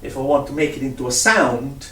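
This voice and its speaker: A man's voice: medium pitch, brisk, bright, forceful tone, a little hiss or hum. A man teaching a one-on-one music lesson, patient, repeating himself and counting out rhythms. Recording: roomy sound from a distant mic.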